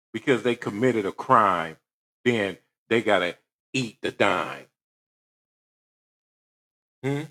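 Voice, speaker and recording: A man's voice: medium pitch, fairly bright tone. A man hosting reaction commentary on a news clip, talking in a preachy way and firing rhetorical questions. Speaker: commentary host.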